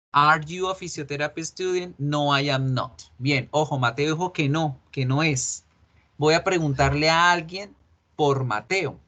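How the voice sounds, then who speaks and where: A man's voice: fairly high pitch, a bit bright. Patient teacher, man. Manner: explains patiently, repeats examples slowly. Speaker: English teacher. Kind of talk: online class lecture.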